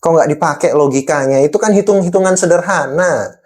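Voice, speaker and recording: A man's voice: a little high, a little fast, a little mellow. A man with an East Javanese Indonesian accent in a role-play monologue as an angry boss, scolding an employee with pointed rhetorical questions.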